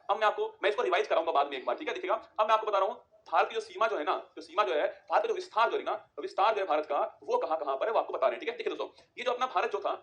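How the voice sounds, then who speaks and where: A man teaching an exam-prep geography lesson, drilling facts with quick repeated rhetorical questions. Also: sits high, fairly bright tone.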